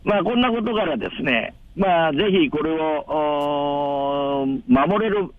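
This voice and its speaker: A man speaking as a radio show caller over a telephone line, explaining things politely and haltingly, with many pauses and fillers. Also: on the high side, animated. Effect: heard over a telephone line. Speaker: phone-in guest, amateur baseball organizer. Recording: dull, narrow telephone sound.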